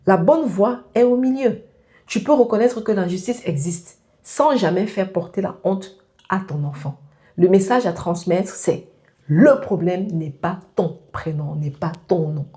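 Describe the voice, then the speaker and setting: A woman talks directly to parents, laying out practical advice point by point. Her voice sits low and sounds warm and soft-edged. The delivery is earnest and instructive, like a host addressing her viewers. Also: unhurried.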